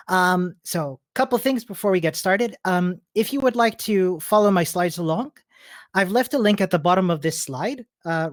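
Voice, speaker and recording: A Chilean man, a software developer, gives a conference talk at a remote virtual meetup, telling a personal story in a friendly, informal way. His voice is high and the studio sound is clean, with no echo.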